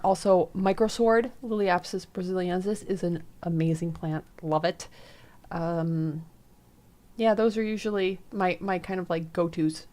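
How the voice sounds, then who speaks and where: A woman's voice: fairly low pitch, darkish tone. A woman co-hosting a casual live stream, easygoing and a little rambling as she gives suggestions. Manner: easygoing, rambling with fillers and restarts.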